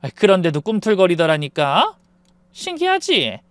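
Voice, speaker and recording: Man voicing a creepy calm mother, slow soft threats, lilting high voice, dry sound. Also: no room sound. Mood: coldly menacing. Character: calm menacing middle-aged mother wielding a knife.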